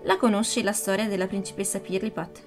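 Brief: odd old godfather, croaky flat chanting, storybook, woman reader voicing him. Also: mid-range voice, fairly quick, faint music behind, lightly acted. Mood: wry.

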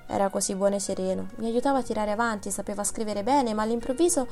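A woman's voice: mid-range voice, quick pace, darkish tone, close to an everyday voice. A woman voicing a weary, pious old mother who talks on plaintively about her sorrows, with faint music behind. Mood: sorrowful. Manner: plaintive, talkative.

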